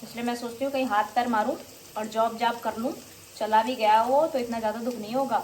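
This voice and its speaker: A young woman talks to camera in a casual home vlog, frank and plain-spoken. Her voice sits a little high for a woman. Faint background noise and kitchen sounds run behind her. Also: fairly even intonation, brisk, a little mellow. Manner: frank, scolding children at times. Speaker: vlogger and mother. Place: home in northern India.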